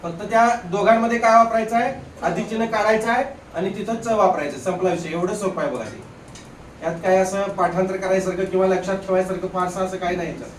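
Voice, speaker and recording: Man, high-pitched, classroom grammar teacher, questioning and coaxing, roomy distant recording. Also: quick pace, a little hiss or hum. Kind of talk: classroom lecture.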